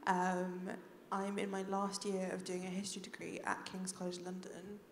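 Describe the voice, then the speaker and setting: A woman's voice: lowish voice, monotone, normal speed, a crowd in the background. A woman in her early twenties with a Welsh Valleys accent, speaking informally and self-deprecatingly on a student panel. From South Wales Valleys. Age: early 20s. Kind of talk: informal panel talk to an audience. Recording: echoey hall, long reverb, faint noise.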